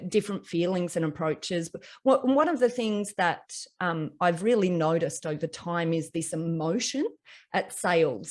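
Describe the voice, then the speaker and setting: A woman's voice: lowish voice, a little mellow. A woman hosting a business podcast, reflecting aloud with "um" and repeated words. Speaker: podcast host, lawyer. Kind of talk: conversational interview.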